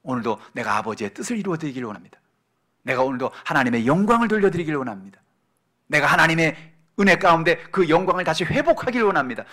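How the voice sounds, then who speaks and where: A reverent, pleading prayer voice of Jesus, as a preaching man takes on the part. It is bright and earnest, close to the speaker's own preaching voice, with slow, imploring phrases. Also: on the high side, very animated, voice pushed up, full character voice. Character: Jesus, a grown man praying earnestly to his Father.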